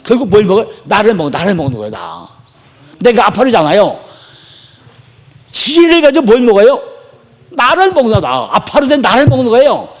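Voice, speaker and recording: High-voiced guy preaching, super lively, swings up and down a lot, chatty storytelling. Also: a little fast, long pauses. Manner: animated, swings between high exclamations and low asides, chatty. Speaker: Bible teacher preaching. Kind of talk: sermon.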